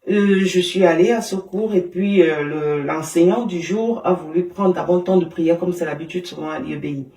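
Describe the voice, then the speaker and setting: A woman giving an emotional personal testimony in an interview, halting, with many fillers and restarts. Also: fairly low pitch, dark tone. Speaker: interview guest. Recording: roomy sound from a distance.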